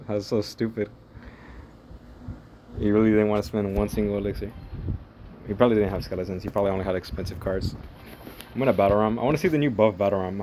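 His voice is fairly low and dark, with a little hiss or hum behind it. The young man, a gaming channel host, rambles through profane, casual play-by-play of a mobile strategy game.

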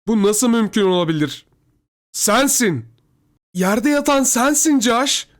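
Man doing panicky pleading young woman, high and loud, horror reading. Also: expressive, normal speed, lightly acted. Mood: horrified.

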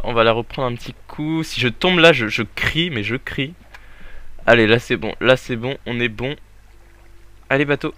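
A young man giving jokey, excitable let's play commentary, talking to the game as he plays. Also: mid-range voice. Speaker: gaming YouTuber.

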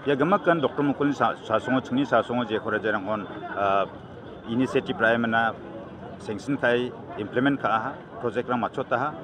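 A brisk, medium-pitched male voice belongs to a middle-aged political candidate with a Northeast Indian accent. He argues emphatically in a press interview, mixing in English, speaking into close handheld news mics at an outdoor evening gathering amid a busy, noisy crowd.

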